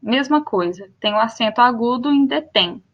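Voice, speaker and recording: A young woman with a Brazilian Portuguese accent teaching a grammar lesson, repeating each example word slowly and clearly. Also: fairly high pitch, lively intonation, lo-fi sound.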